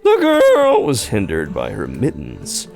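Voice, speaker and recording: A man's voice: on the low side, huge pitch swings, gravelly, darkish tone, faint music behind. A young man playfully reading game narration aloud while streaming. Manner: playful, quick to laugh.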